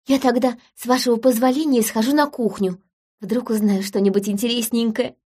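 A woman reading an audiobook, voicing an eager, talkative young housemaid in a higher voice. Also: fairly even intonation, brisk, dark tone, husky. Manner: chattering, eager and higher pitched.

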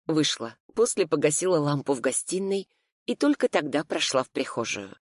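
A woman's voice: deep voice, sing-song, normal speed, no echo, studio quality. A woman reading a first-person thriller in a tense, suspenseful narration. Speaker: audiobook narrator.

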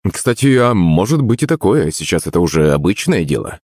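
An eager young official , read by a male narrator, speaks in brisk, excited bursts. The voice stays near the reader's own, with a slightly husky edge. It is dry and close, as in a studio audiobook. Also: low-pitched, dry recording, full character voice.

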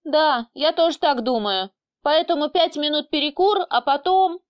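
A woman's voice: high voice, normal speed, no room sound, lo-fi sound, pitched above the performer's own voice, natural voice. Woman voicing a huffing, indignant male boss. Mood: grudging. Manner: indignant, huffing, swearing outbursts. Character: irritable grumbling male boss, young adult. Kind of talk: audiobook character voice.

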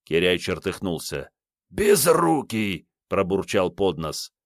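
A man narrating an audiobook in a steady storytelling manner. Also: lowish voice, normal speed, no room sound, clean studio sound.

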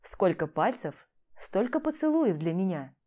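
A woman's voice: mid-range voice, big pitch swings, unhurried, warm tone. Woman reading a cocky, teasing young man. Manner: playful, provocative banter. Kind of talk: audiobook character reading.

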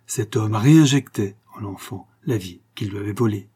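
A man narrating a 19th-century tale in a dramatic, expressive reading. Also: fairly low pitch, normal speed, breathy edge.

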